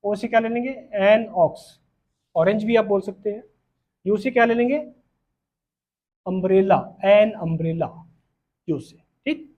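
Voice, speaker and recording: A man's voice: sits high, unhurried, pauses often. A man with an Indian English accent teaching grammar, often repeating points and asking if students follow. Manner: repetitive, questioning, checks understanding often. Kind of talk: classroom lesson on grammar. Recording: dull lo-fi sound.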